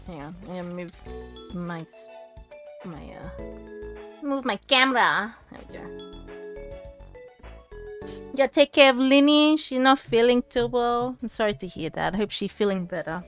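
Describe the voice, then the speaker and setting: A woman's voice: on the high side, animated, moderate pace, fairly bright tone, faint music behind. A woman streaming from home, chatting casually and rambling to her chat while fixing her setup, close to a desk mic.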